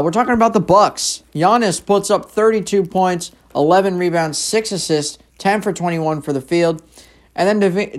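A young man casually recapping basketball games as a host, rambling with lots of fillers and self-corrections. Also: on the high side. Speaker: sports show host.

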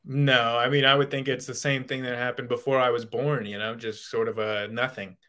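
A man's voice: medium pitch, level tone, a little fast, crowd noise. A male guest in a casual call-in debate, explaining his views with lots of hedging and restarts.

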